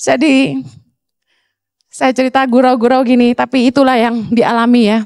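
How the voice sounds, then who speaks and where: Woman pastor, high voice, animated sermon, humorous asides, dry close sound. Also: a little slow, dry recording. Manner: animated, shifts between loud high exhortation and low mock-calm; humorous, colloquial asides to the congregation. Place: church stage.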